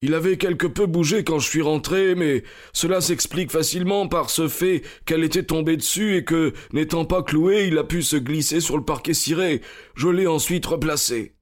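A man's voice: a little high, normal speed, natural voice. An actor playing a burly, sheepish male police constable who talks hesitantly and apologetically in a radio drama. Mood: apologetic. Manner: hesitant, apologetic, with filler sounds.

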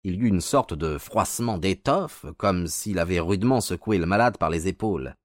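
An actor narrating as a loyal, worried doctor companion, in a grave, measured manner. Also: male voice, low voice, lively intonation, dry recording, studio quality. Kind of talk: radio drama narration.

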